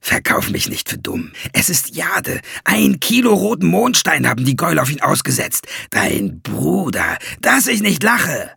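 A sneering little dwarf, put on by a male narrator, all mocking glee and greedy scheming, his voice pitched up high and swooping. A gravelly, husky edge sits under it, recorded close and dry for an audiobook. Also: sing-song, unhurried, hardly any pauses, pushed and bright, no echo, full character voice. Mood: sly. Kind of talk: audiobook character voice.

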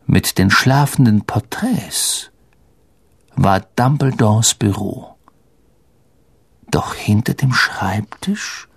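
A man narrates an audiobook slowly and expressively, his voice gravelly and husky. His pitch moves a lot as he tells the story. The sound is close and dry, recorded at a studio mic. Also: no echo.

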